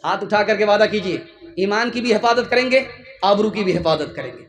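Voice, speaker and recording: A man preaches a sermon at a religious gathering in an unusually high voice. He talks in a fervent, rhetorical way and calls on his listeners to raise their hands. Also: a bit bright, slight background noise. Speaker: maulana preacher.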